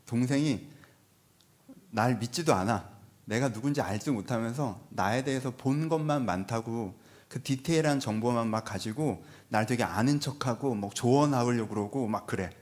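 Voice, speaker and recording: A man preaching a Sunday sermon in a church, conversational and animated, slipping into playful voiced asides. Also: medium pitch, brisk. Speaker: pastor. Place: church sanctuary.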